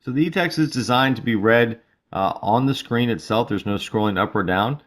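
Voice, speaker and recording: A male instructor giving a relaxed, casual walkthrough of a mobile study app, with frequent fillers. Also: medium pitch, normal speed. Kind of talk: screen-recorded app tutorial.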